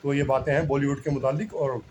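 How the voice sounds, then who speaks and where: A man's voice: medium pitch, steady tone, quick pace, darkish tone, slight background noise, rough recording. A man talking in a casual, rambling monologue, humbly repeating himself and often addressing the listener as brother. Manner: rambling, repeats himself, keeps saying "bhai sahab"; humble, self-deprecating. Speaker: religious speaker.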